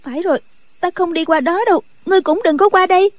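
Nghi Lâm, a timid young nun. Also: female voice, very high voice, brisk, a little mellow, no room sound. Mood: frightened. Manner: trembling, hesitant.

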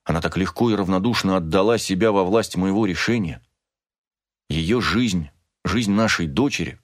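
A man reading a novel aloud in the first person, with measured, steady storytelling. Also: low voice. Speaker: audiobook narrator.

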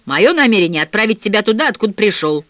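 Male reader plays a rude brawler: coarse, taunting, lively delivery, flat dry audiobook tone. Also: high voice, quick pace, dry recording, lo-fi sound, voice pushed up. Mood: threatening. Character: rude brawling young male boxer, bullying.

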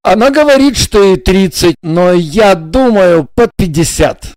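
Guy playing a short-tempered boyfriend in an audiobook, curt, yells curses, kinda high voice. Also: animated, a little slow, dry recording. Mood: exasperated. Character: hot-tempered young man, irritable boyfriend.

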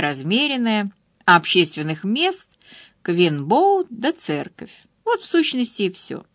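A woman narrating an audiobook in an expressive storytelling manner. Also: medium pitch, dry recording, clean studio sound.

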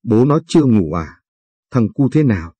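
A man's voice: medium pitch, very animated, normal speed, warm tone, slightly rough, no echo. A man reading the lines of a poor, anxious peasant mother in a radio story, asking plain, worried questions.

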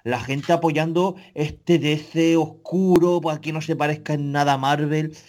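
A man's voice: fairly high pitch, steady tone, unhurried, darkish tone. A man, a podcast co-host ranting in casual chat, profane and exasperated, full of restarts.

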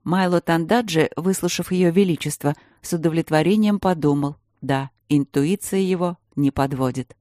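A woman narrating an audiobook in a steady, measured way. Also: low voice, no room sound, clean studio sound. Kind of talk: scripted narration.

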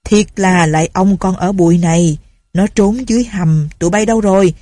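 A woman doing a gruff barking sergeant. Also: on the low side, normal speed, mellow, no echo, studio quality, close to an everyday voice. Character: blustering male colonial-era village police sergeant.

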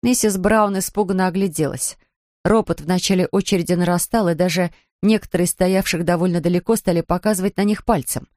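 Female storybook narrator, lower register, expressive, close dry booth. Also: brisk, dry recording. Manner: lively, expressive. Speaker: audiobook reader.

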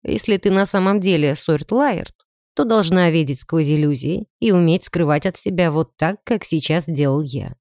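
A woman voicing a calm, confident young male mage in a dry-sounding audiobook reading, speaking lower and steadily. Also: normal speed, no room sound.

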